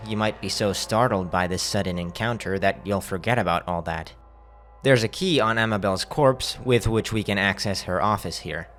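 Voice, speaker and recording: A man's voice: lowish voice, a bit bright. A man narrating a video game critique as a voice-over. He speaks casually and bluntly and swears freely.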